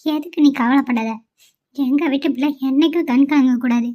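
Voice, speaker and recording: A woman's voice: high-pitched, moderate pace, close to an everyday voice. A woman voicing a caring, middle-aged mother-in-law in a cartoon, speaking in a motherly, chiding way. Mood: comforting. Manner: motherly, chiding, warm-hearted. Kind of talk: amateur cartoon voice acting. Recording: dull lo-fi sound.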